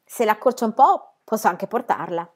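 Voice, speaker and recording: A woman voicing a bold, cheerful young girl who tells tall tales, in a loud, high-spirited, boastful manner. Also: expressive, moderate pace, close to an everyday voice. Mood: cheeky.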